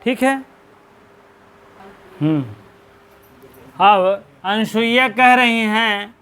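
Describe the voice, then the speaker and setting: A man's voice: sits high, drawn-out words, bright, forceful tone, clear, resonant tone. A man teaching a Sanskrit verse, repeating each word, glossing it, and asking and answering his own questions. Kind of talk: exam-prep lesson explaining verse line by line.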